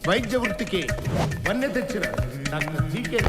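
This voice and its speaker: A speaker delivering a formal tribute at a ceremony. He speaks slowly and ceremoniously, his voice fairly high. Loud music swells behind him. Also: animated. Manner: slow, formal oratory. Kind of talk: film comedy acting. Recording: film soundtrack with loud music.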